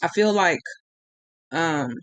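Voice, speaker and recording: A woman's voice: deep voice, lively intonation, slow pace, no echo. A woman ranting on a live stream, frustrated and close to tears, rambling with many restarts. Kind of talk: emotional live-stream rant.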